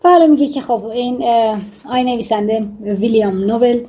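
A woman's voice: on the high side, dark tone. A woman teaching fiction writing in a casual, chatty way, wandering off into joking asides. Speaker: writing instructor.

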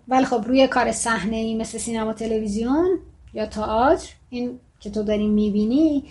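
A woman's voice: a little high, a little mellow. A woman teaching fiction writing in a casual, explaining way, reading passages aloud in a more formal tone. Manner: explains casually, then reads excerpts in formal tone.

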